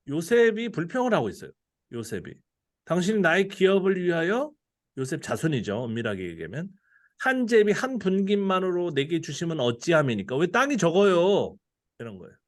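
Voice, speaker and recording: A man giving a casual, conversational Bible study lecture, laughing often and letting his voice drop at the ends of phrases. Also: mid-range voice.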